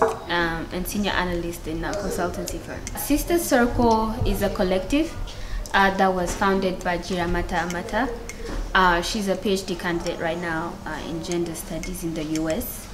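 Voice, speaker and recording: A woman from Rwanda, an economist and analyst, speaking briskly in a group interview. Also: lowish voice, noisy background.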